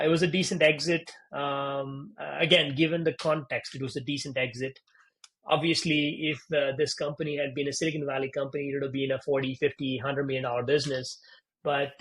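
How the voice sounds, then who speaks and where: A man from India, a startup founder being interviewed, telling stories in a lively conversational way with lots of "you know" and "right?". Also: mid-range voice. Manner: animated, acts out quoted dialogue, frequent "you know" and "right?".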